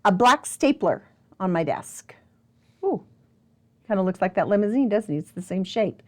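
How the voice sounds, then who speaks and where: With a mid-range, slightly mellow voice, a woman hosts a children's picture book storytime at normal speed, very animated. This children's librarian speaks close to a camera, playfully quizzing the kids and exclaiming in wonder.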